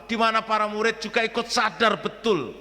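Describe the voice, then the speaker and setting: A Javanese-accented man, a parish priest, preaching a homily at Mass with lively shifts between formal preaching and joking asides. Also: high-pitched, fairly quick. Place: church. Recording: long church reverb.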